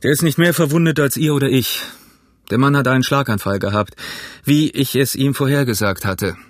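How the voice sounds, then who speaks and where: A man voicing a brisk, commanding middle-aged country doctor in an audiobook, speaking loudly and briskly. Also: medium pitch, no echo, studio quality, close to an everyday voice. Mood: brusque. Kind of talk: audiobook reading.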